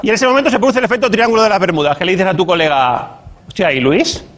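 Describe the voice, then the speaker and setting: High-pitched comic man, punchy. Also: expressive, rapid-fire, a bit bright, a little hiss or hum. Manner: punchy, mocking, acts out quoted voices. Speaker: stand-up comedian. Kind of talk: stand-up monologue.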